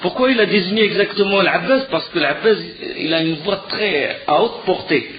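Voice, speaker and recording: Male religious teacher, higher-pitched, muffled recording with faint hiss, lively storytelling lecture. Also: moderate pace. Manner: animated storytelling, rising with emotion, frequent fillers and restarts.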